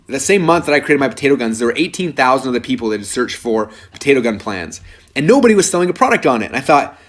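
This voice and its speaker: An energetic man in his thirties hosts a live sales webinar, storytelling at a rapid clip. His delivery rambles, full of fillers and restarts, and his voice sits at an ordinary middle pitch. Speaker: webinar presenter.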